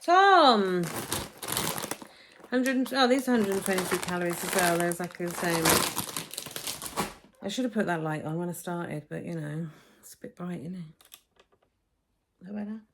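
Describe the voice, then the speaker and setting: A woman's voice: lowish voice, expressive, normal speed, long pauses, heavy background noise. Woman chatting into a phone video. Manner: chatty, talks to camera while unpacking shopping. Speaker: vlogger. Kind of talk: casual shopping haul vlog. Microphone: phone camera, filmed as a phone video.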